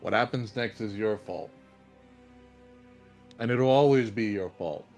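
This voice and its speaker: A man's voice: fairly low pitch, unhurried, a little mellow. A man playing a grave, defiant hero in a tabletop game, speaking in a solemn, declamatory way. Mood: solemn, accusing. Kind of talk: in-character tabletop role-play speech. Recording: music behind the voice.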